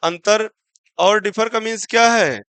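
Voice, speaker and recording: His voice sits high, a bit bright and clean, with no room sound. During an exam-prep English vocabulary lesson mixing Hindi with English terms, he asks his own questions, spells words out letter by letter, and takes example sentences very slowly.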